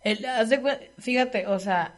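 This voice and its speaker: A woman's voice: a little high, measured pace, faint music behind. A young woman with a Mexican accent, co-hosting a podcast and telling a story in casual, slangy, emphatic chat. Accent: Mexican Spanish. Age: young adult. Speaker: podcast co-host.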